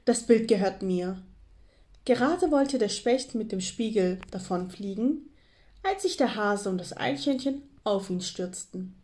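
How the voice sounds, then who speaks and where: A woman reading a children's storybook aloud, with gentle, clear storytelling. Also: medium pitch. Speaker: reader of a children's book.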